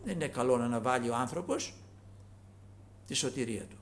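A man preaching a sermon in a dramatic way, swinging from loud calls to hushed asides. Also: mid-range voice, vocal fry, a little hiss or hum.

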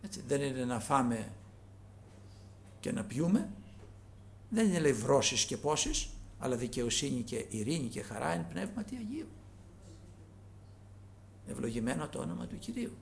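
A man preaching a sermon in a dramatic way, swinging from loud calls to hushed asides. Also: medium pitch, very animated, creaky, long pauses, a little hiss or hum.

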